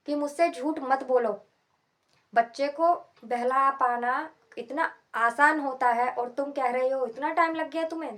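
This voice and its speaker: A woman hosting her own channel, retelling a folk tale in a simple, repetitive way. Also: sits high. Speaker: storyteller and channel host. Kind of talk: spoken folk tale narration.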